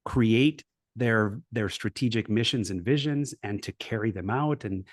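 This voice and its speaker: There's no room sound on this recording of a middle-aged man with a fairly low pitch speaking at a measured pace. The Los Angeles native, a coach and former professor appearing as an interview show guest, reflects earnestly on his life, restarting often and leaning on "you know."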